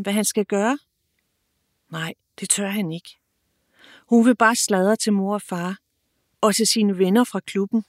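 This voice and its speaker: A woman narrating a children's audiobook in a clear, expressive storytelling manner. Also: mid-range voice, no room sound, studio quality.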